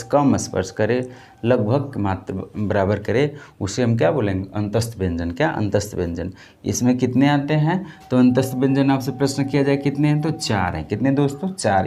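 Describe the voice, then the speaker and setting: A man's voice: medium pitch, gravelly, a little mellow. A man teaching an exam-prep lecture, repeating key terms and asking them back to his students as questions. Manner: drills by call and answer, addressing viewers as friends.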